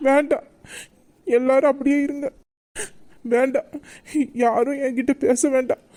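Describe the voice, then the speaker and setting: A woman's voice: high-pitched, flat delivery, unhurried, dark tone. A woman voicing a hurt, proud young man in love, in a romantic audio drama, talking in a sulking, reproachful way. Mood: hurt, angry.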